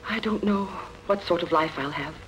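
A woman's voice: fairly low pitch, moderate pace, natural voice, low-quality recording. A performer playing a wistful, dutiful young princess in a dubbed ancient epic, speaking formally and tenderly as a woman in love. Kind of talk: dubbed sword-and-sandal film acting. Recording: film dub with faint background noise.

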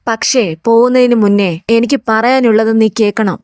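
A woman's voice: on the high side, steady tone, moderate pace, a little mellow, dry recording, studio quality, natural voice. A woman reading the part of a young man who bluntly reproaches his former lover, in a plain narrating voice. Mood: reproachful.

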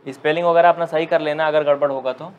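A man teaching a live online maths class who jokes with students and dictates slowly. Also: fairly high pitch, steady tone, phone-quality sound. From India. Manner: chatty, joking, dictates slowly.

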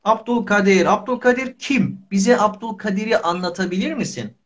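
A man in his thirties with a high voice hosts a casual online language lesson. He keeps his phrases short and simple and repeats them. The livestream sound is dull and lo-fi. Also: normal speed, a bit bright. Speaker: Turkish teacher and live host. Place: small indoor room.

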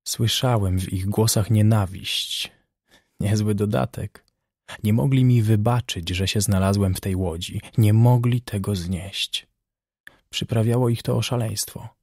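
Male narrator doing a haunted young sailor, low, sombre, slightly husky. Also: fairly even intonation, unhurried, a little mellow, dry recording, studio quality. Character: young male ship's officer, bitter and haunted.

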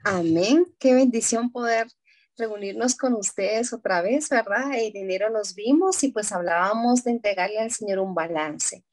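A woman's voice: medium pitch, moderate pace, darkish tone. A woman, the invited speaker, greeting the group and leading an earnest, fervent spoken prayer.

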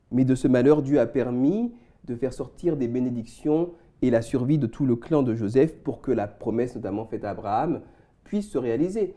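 A man's voice: mid-range voice, dark tone. A man giving a reflective Bible study talk, addressing listeners directly and reading scripture aloud. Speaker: Adventist Bible teacher.

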